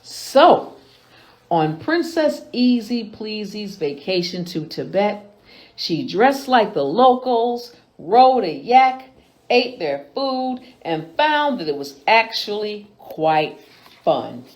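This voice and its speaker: With a medium-pitched voice, a woman hosts storytime, reading picture books aloud to children. Her delivery is expressive, deliberate and animated.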